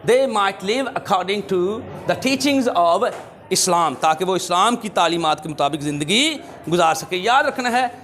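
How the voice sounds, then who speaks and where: Slow, repetitive Pakistani male teacher. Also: high-pitched, lively intonation, fairly bright tone. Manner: explains slowly, repeating each phrase, reads English lines deliberately. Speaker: English teacher. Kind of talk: exam-prep lesson for schoolchildren.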